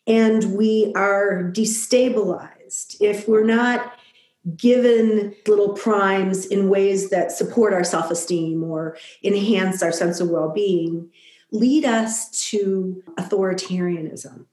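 A middle-aged woman giving a thoughtful, reflective interview answer, talking at an even pace with frequent "you know.". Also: mid-range voice, echoey room. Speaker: guest. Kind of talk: conversational interview.

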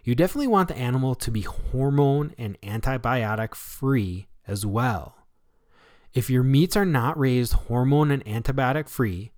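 A man's voice: medium pitch, a little mellow, dry recording, studio quality. An American man hosting a scripted solo health talk show, with an emphatic, instructive delivery. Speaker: radio show host.

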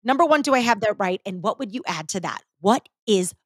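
A middle-aged woman hosting a podcast, chatting casually in a playful, animated way and swearing now and then. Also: mid-range voice, fairly quick, no room sound, studio quality. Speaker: podcast host. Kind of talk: casual interview chat.

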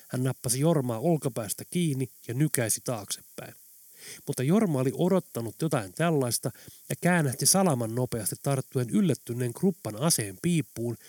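A man narrating an audiobook in a steady, even reading manner. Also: medium pitch, no echo. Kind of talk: scripted narration.

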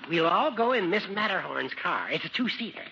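A giddy old judge in 1950s radio comedy. He speaks high and lilting, chortling and theatrical, eager and oblivious. The sound is dull, as on an old broadcast. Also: very animated, brisk, creaky, bright, forceful tone, slight background noise, exaggerated voice. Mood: gleeful.

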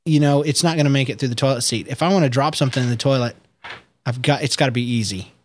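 A man's voice: fast talker, a little hiss or hum. Joking man on a casual podcast call. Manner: joking, breaks into high-pitched impressions and giggles. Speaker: podcast co-host. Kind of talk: casual chat. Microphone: Skype call.

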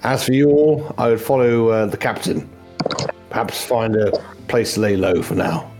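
A man voicing a formal, measured male dragonborn companion in a tabletop game. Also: lowish voice, music in the background, close to an everyday voice. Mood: calm advice.

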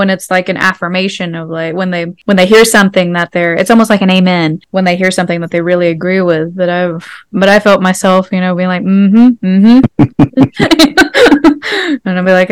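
A woman leading a casual group discussion, animated, laughing often and acting out what people said. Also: fairly low pitch, fairly quick, clear, resonant tone, dry recording. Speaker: podcast host, Osage citizen.

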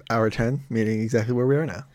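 A man co-hosting a casual podcast, laid-back, mostly giving short reactions and jokes. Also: mid-range voice. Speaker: podcast co-host.

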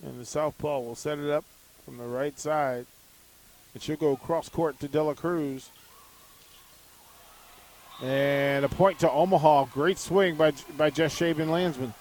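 A slightly high-voiced man calls a volleyball match live for radio, ticking off each serve, set and point at a measured clip. Faint arena ambience sits low behind his voice. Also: fairly even intonation, a little mellow, a little hiss or hum. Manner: brisk, measured calling of each rally. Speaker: radio play-by-play announcer. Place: arena broadcast position high above the court.

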